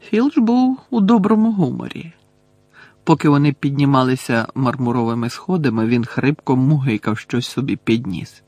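A man's voice: medium pitch, lively intonation, normal speed, a little mellow, no echo. Man narrating an audiobook, dry sound.

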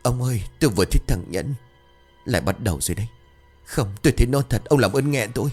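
A man's voice: medium pitch, expressive, quick pace, a little mellow, slightly rough, faint music behind. A man voicing a grieving, superstitious middle-aged mother who pleads and insists on what she saw, in a narrated ghost story. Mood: pleading.

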